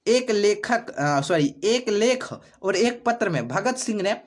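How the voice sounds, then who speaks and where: A high-pitched man works through exam questions one by one. He asks each answer back to the listener and repeats it, with frequent hesitations. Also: expressive, slow pace. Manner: repetitive question-and-answer drilling, many fillers. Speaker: exam prep teacher.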